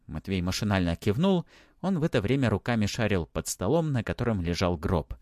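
A man narrating an audiobook with expressive storytelling. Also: lowish voice, fairly quick, no echo, studio quality.

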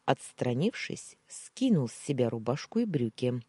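A woman narrating a first-person audiobook in an expressive, melodic reading. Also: a bass voice, normal speed, breathy edge, no echo.

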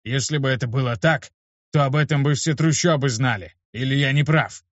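A man's voice: mid-range voice, a little fast, no echo, voice pushed up, close to an everyday voice. Brief: male reader as a blunt, barking tough guy, raised voice, lo-fi and dry. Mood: shouting. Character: gruff adult man, irritable slum teacher. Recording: dull lo-fi dry recording.

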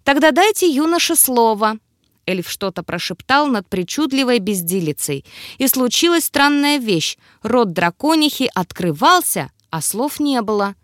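A woman narrating a fantasy audiobook with expressive, wry storytelling. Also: fairly high pitch, a little slow, no room sound, clean studio sound. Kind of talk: scripted narration.

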